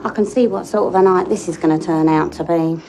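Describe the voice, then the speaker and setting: A woman's voice: fairly low pitch, a little fast, noisy background, lightly acted. A young woman with a London accent playing a brash, blunt, complaining girlfriend in a naturalistic television comedy-drama. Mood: indignant.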